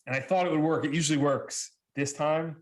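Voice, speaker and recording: A man with a somewhat high voice gives a presentation to parents. He tells lively stories, acts out what people said and laughs often as he goes. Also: fairly quick. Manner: animated storyteller, acts out quotes, laughs often. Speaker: speaker. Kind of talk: storytelling presentation.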